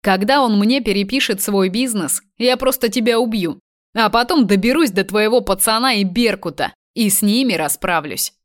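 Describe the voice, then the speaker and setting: The voice sits high at a moderate pace and sounds like a man's, lightly acted. A woman performs the role of a cruel, vengeful young male kidnapper who mocks, taunts, and gloats.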